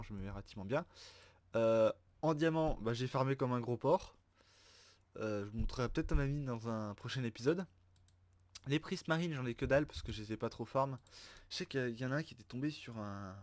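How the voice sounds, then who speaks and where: A man's voice: medium pitch, no echo. A man giving casual, rambling gameplay commentary while touring his base, full of fillers and restarts. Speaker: Minecraft server player showing his base.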